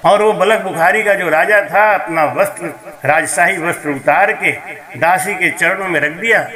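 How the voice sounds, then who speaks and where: A man telling a devotional story as a religious preacher, in a measured storytelling cadence. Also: sits high, bright, forceful tone, low-quality recording.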